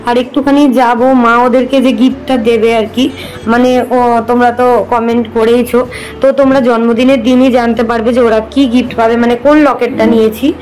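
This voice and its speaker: A woman's voice: fairly high pitch, flat delivery, moderate pace, a little mellow, rough recording. A young woman and mother chatting casually to her viewers in a family vlog. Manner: chatty, addresses viewers directly. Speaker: vlogger and mother of twin boys.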